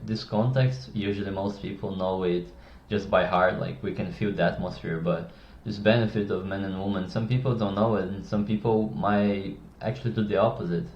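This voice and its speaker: A communication coach gives a casual explainer lesson on using tone of voice, rambling as he goes and swearing by habit. His voice is lowish and a little mellow, captured with a roomy, dull lo-fi sound.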